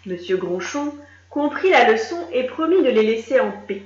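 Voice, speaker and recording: A woman reading a children's story aloud, expressive and speaking directly to a young listener. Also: a little high. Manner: slow, expressive, addressing a child. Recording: roomy, slightly dull recording.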